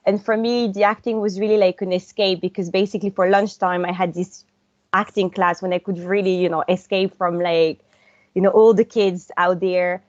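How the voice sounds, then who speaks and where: A woman's voice: mid-range voice, steady tone, moderate pace, dry recording. A chatty young woman from France, raised in Brussels, talks as a guest from her home. Her speech is loose, with lots of fillers, and her laughs come easily. The audio is dull and lo-fi, dry, with no room sound. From born in France, raised in Brussels. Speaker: guest, actress and director. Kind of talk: casual interview conversation.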